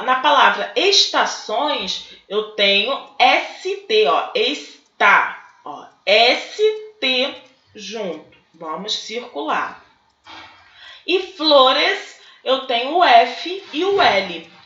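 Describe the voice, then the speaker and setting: A woman teacher, slowly working through textbook exercises and breaking words into syllables. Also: sits high, sing-song, pushed and bright. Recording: dull, echoey room recording.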